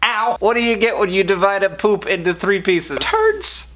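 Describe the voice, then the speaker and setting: A man's voice: sits high, a little fast, background noise. A man in his thirties, a new father, telling dad jokes to camera in a playful comedic vlog. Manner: playful, animated joke delivery with mock dialogues. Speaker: video blogger, new dad.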